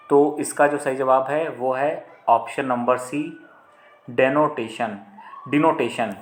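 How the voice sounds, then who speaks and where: A man teaches exam vocabulary, explaining step by step and repeating terms, with frequent fillers and restarts. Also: mid-range voice. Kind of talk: Hindi lesson explaining English vocabulary questions. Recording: roomy echo.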